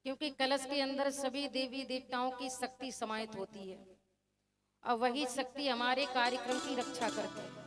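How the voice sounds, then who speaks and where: A woman preacher telling a devotional scripture story to a village gathering, addressing the crowd directly and slowly chanting verses. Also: sits high, steady tone, music in the background. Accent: Braj-tinged Hindi.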